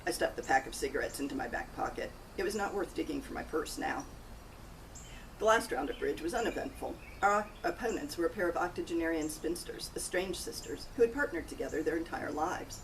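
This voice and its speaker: Reading first-person narration from a cozy mystery she wrote, this woman speaks in a low, expressive voice at a brisk clip. She was recorded from a distance amid heavy outdoor noise, with birds and crickets audible.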